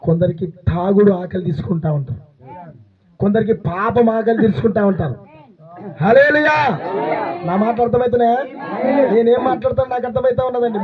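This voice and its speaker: A man with an Andhra Pradesh Telugu accent preaching a sermon, questioning and urging his congregation. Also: high-pitched. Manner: shouts and pleads with congregation. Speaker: pastor. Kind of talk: sermon with call-and-response. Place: church hall with congregation. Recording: crowd noise behind.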